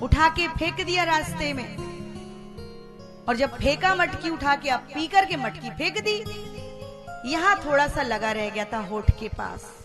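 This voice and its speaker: A woman's voice: high-pitched, lively intonation, unhurried. A woman preacher telling a devotional scripture story in an emphatic, dramatic style to a gathering. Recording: loud devotional music behind the voice.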